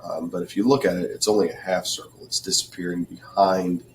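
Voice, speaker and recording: Low-voiced man teaching drawing. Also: a little fast, distant mic, slight background noise. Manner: relaxed, thinking aloud while drawing, frequent throat clearing. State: losing his voice. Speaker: art teacher. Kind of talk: drawing tutorial narration.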